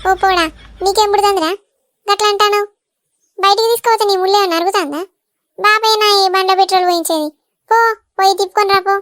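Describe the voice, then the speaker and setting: A woman's voice: very high voice, fairly even intonation, fast talker, pauses often, a bit bright, dry recording. Lady doing an old telangana granny, blunt and scolding, dry close mic. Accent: Telangana Telugu. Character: scolding village grandmother, old woman.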